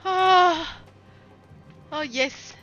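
A young woman chatting through a co-op video game session, excitable and self-mocking, often laughing and shouting at the game. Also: very high-pitched, very slow, muffled recording, soft background music. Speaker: streamer playing a co-op video game. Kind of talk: casual let's-play chatter.

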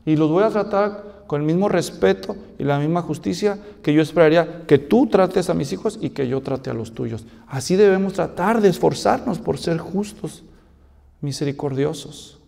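A man's voice: fairly high pitch, moderate pace, gravelly, dark tone, in a large hall. A male pastor preaching a sermon, telling a story and asking rhetorical questions.

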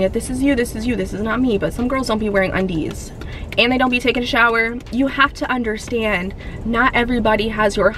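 A young woman in a fitness vlog, talking bluntly and in an animated way, recorded from the dashboard of a parked car. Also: mid-range voice, a little hiss or hum. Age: young adult. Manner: blunt, animated, sassy, gestures while talking. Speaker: fitness vlogger. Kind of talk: casual chatty vlog. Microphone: camera on the dashboard.

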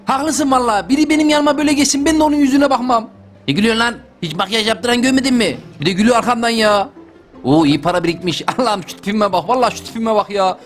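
Young guy rattling off game commentary, high voice, talks super fast, faint music behind. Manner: excitable, joking, talks to viewers. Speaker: gaming youtuber. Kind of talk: lets-play commentary.

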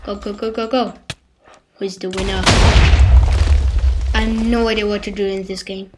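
A woman giving casual gameplay commentary on a headset, excitable and exclaiming, with non-native phrasing. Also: medium pitch, moderate pace, heavy background noise. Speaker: gamer playing on a server.

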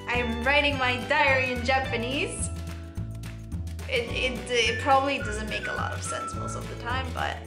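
A young woman from Cyprus with a Greek Cypriot accent, chatting casually to camera in an animated, laughing way from a bedroom. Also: a little high. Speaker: vlogger. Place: bedroom, indoors. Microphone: camera in front, close framing. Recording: echoey room with faint music.

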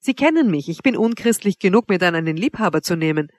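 A woman's voice: lowish voice, lively intonation, fast, a little mellow, no room sound. A woman reading an audiobook, voicing a haughty young noblewoman who teases her suitor with cool mockery. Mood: cold. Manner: teasing, coolly mocking. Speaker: princess Wanda.

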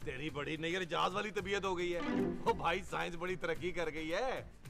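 A man's voice: fairly high pitch, moderate pace, gravelly, over loud music. A man with a Pakistani Urdu accent in sitcom acting, breezy and joking in a chatty manner. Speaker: sitcom young husband character.

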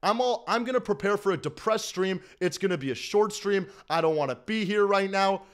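Hyped and repetitive, a twentysomething sports fan streams a postgame recap from a small room at home, speaking into a desk mic in front of his face and often calling out to everybody in chat. His high-pitched voice has lively intonation and a slightly fast pace.

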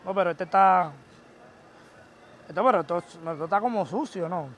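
A man pranking a street shoemaker, arguing and repeating himself loudly outdoors. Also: sits high, moderate pace, lo-fi sound. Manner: confrontational, repetitive, shouting.

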